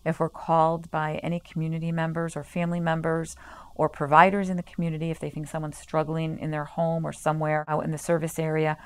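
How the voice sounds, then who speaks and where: With music running beneath her, a staff representative from a community health organization earnestly describes its services in a promotional interview. She speaks quickly in a low, clear, resonant voice with a flat delivery.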